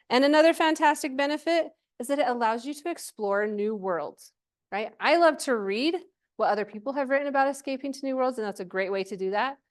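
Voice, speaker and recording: In a mid-range voice, a woman talks a live group through an informal workshop, keeping things chatty and upbeat and regularly asking questions to see how everyone is doing.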